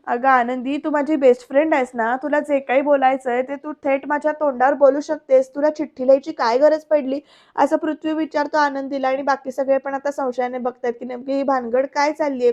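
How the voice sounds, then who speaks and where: A Marathi-accented woman recaps a TV serial in a high, fairly even voice, telling the scenes as a story and turning to her viewers often. Her voice comes through slightly dull and lo-fi. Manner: lively storytelling, addresses viewers directly. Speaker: serial episode reviewer. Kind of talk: voice-over recap narration.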